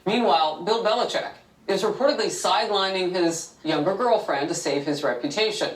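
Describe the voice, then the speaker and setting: A news anchor introducing cable news stories in a measured, pointed delivery. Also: male voice, sits high, echoey room, recorded from a distance, rough recording.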